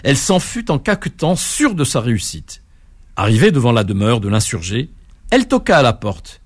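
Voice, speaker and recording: A man narrating an animal folk tale in an expressive, measured way, lifting his voice at key moments. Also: medium pitch. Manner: expressive, measured telling with sudden lifts. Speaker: storyteller.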